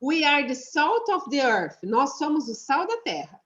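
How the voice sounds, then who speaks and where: A woman's voice: high-pitched, very animated, a bit bright, lo-fi sound. Brazilian woman teaching English online. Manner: explains patiently, repeats words slowly for pronunciation. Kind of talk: online class explaining song lyrics. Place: online video class.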